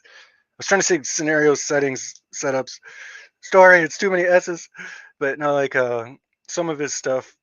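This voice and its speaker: A man hosting a casual livestream, rambling and excitable, with lots of filler words. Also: medium pitch, no room sound. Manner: rambling, excitable, heavy use of "like". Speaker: livestream host. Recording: dull lo-fi dry stream audio.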